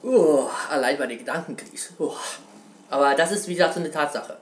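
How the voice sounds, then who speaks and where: A man's voice: fairly high pitch, fairly quick, reverberant. A man giving a casual, rambling video reply about a video game, who keeps addressing his viewers as "Kunstfreunde" and swears casually. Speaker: gaming video host.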